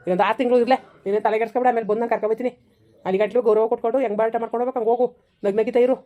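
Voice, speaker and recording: A woman's voice: fairly high pitch, steady tone, phone-quality sound, close to an everyday voice. Woman playing a scolding rustic village man. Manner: scolding, fast rustic banter. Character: older village man, scolding, boastful failed candidate. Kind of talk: village comedy skit.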